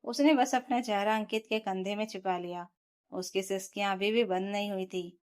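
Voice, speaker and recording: Woman storyteller reading a dramatic family tale in first person, steady and emotional. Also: medium pitch, moderate pace, clear, resonant tone.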